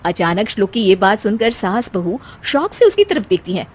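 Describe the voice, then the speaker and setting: A woman reading scripted narration for an animated family story. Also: mid-range voice, moderate pace.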